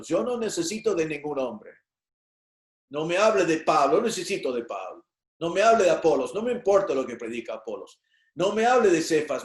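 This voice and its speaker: A male pastor preaching a sermon in an animated way, acting out the voices of the people he quotes. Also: a little high, reverberant. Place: church.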